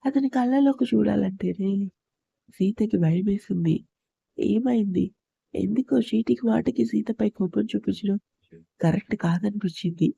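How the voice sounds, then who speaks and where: A woman narrating an emotional love story in a steady storytelling manner. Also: mid-range voice, moderate pace, creaky, husky, dry recording, lo-fi sound. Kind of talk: scripted audio-story narration.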